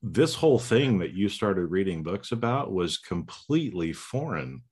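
A middle-aged podcast host from the United States speaks low and very animated at a measured pace, his tone a little mellow with a breathy edge. He rambles through a casual interview, restarting often and asking "right?"

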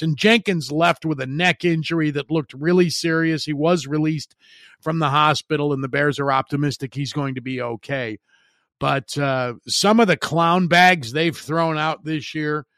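A man's voice: on the high side, fairly bright tone, dry recording, studio quality. Blunt, emphatic male sports commentator. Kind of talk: opinionated sports commentary monologue.

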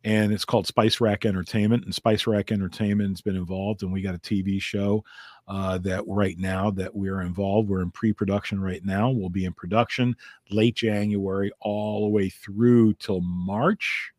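A man's voice: on the low side, steady tone, moderate pace, a little mellow, no room sound, studio quality. Chatty, laughing male comedian. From United States. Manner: chatty, rambling, laughs often. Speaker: comedian guest. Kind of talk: casual interview chat.

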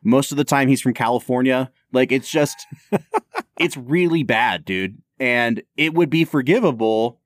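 Man, podcast co-host, opinionated, lively pitch, dry close sound. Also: a little slow, no echo. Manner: animated, opinionated, laughs often. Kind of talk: casual chat about film.

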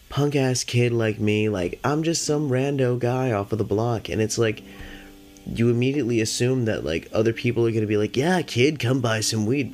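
A man high on cannabis hosts a solo podcast, chatting casually in a laid-back, rambling, slangy stoner way and swearing a lot. He sounds a little mellow, and music plays behind him.

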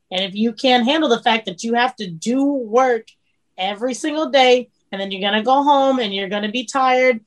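A woman's voice: medium pitch, poor audio. A woman chef, a guest on a casual chat, talking frankly and swearing casually.

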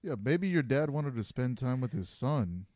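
A man's voice: mid-range voice, lively intonation, moderate pace, darkish tone, no room sound, clean studio sound. A man hosting a casual podcast chat, teasing his guest and laughing often.

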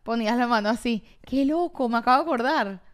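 A young woman, co-hosting a podcast in playful, teasing casual chat. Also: fairly high pitch. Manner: playful, teasing, quick to laugh. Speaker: podcast co-host.

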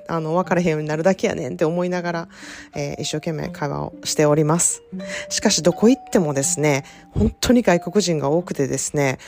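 A woman's voice: low-pitched, a little mellow. A woman with an Osaka accent hosting a podcast, chatting casually with frequent fillers and small laughs. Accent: Osaka Kansai dialect. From Japan. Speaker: podcast host, self-care consultant.

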